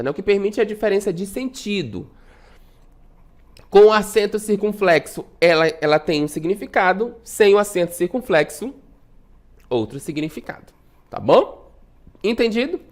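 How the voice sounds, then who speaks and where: A woman teacher with a Brazilian accent giving a recorded lesson, explaining patiently and constantly checking in with her students, sometimes stretching words out slowly. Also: mid-range voice. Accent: Brazilian Portuguese. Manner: stretches out syllables slowly to demonstrate stress.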